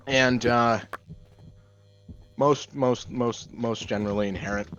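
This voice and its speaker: A young man doing gameplay commentary in a deadpan monotone, rambling through offbeat musings. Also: medium pitch, takes it slowly, dull audio. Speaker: gaming channel host.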